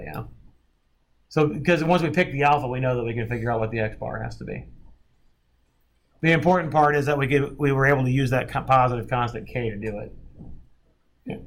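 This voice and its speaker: A man's voice: medium pitch, gravelly. A male math instructor giving a classroom lecture, thinking aloud and often checking in with his students.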